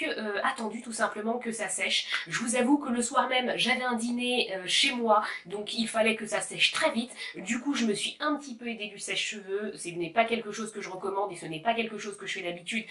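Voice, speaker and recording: A woman's voice: mid-range voice, bright, forceful tone. A woman in her thirties talking casually at home about her haircare routine, often laughing and saying "euh", with her children sometimes heard playing. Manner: chatty, laughs often, many fillers. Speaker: beauty vlogger. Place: home room. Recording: echoey room. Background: children playing in the background.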